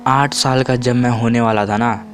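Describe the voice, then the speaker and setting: A man's voice: steady tone, normal speed, slight background noise. A man in his twenties telling childhood stories in a casual, rambling way, often restarting and correcting himself. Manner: acts out quotes with sudden high pitch. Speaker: vlogger. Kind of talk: casual storytelling.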